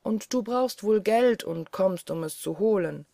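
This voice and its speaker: A woman's voice: medium pitch, animated, measured pace, creaky, mellow, dry recording, clean studio sound. A woman reading the lines of a huge, greedy and sly male forest giant who mocks and boasts. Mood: boastful. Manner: mocking, boastful.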